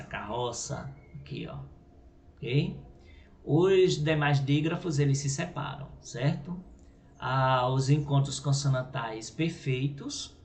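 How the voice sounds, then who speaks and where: Man teaching grammar in an echoey room. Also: medium pitch. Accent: Brazilian Portuguese. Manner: explanatory, checks in with "certo?" and "ok?". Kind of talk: recorded grammar lesson. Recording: echoey room with faint noise.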